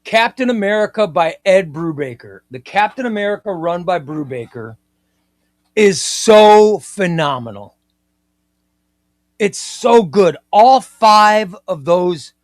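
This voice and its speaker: Reading out viewer comments on his comic book livestream, this fiftysomething host chats casually and eagerly, frequently saying things twice. His pitch is high, and the recording is dry and studio quality.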